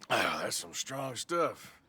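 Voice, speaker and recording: An actor playing a tough, sardonic American outlaw gunslinger in a western video game. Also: male voice, medium pitch, very animated, takes it slowly, sharp tone, breathy edge, exaggerated voice. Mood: wry.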